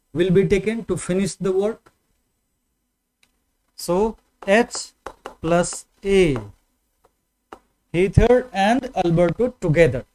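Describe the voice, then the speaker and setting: A man's voice: high voice, a little mellow, poor audio. A man with an Indian accent teaching a maths class, explaining patiently, repeating points and checking in with his students. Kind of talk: online maths lesson.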